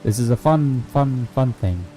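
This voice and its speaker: A young man casually commenting on his live game stream, rambling and thinking aloud with excitable bursts. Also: medium pitch, measured pace, faint music behind, rough recording.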